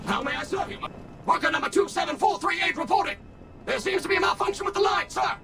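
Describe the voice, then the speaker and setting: A man voicing a servile robot factory worker in a video game, speaking with a too-smooth synthetic android voice and formal, mechanical courtesy. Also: extremely high pitch, fast. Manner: courteous, formal, reporting like a machine. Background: loud game music.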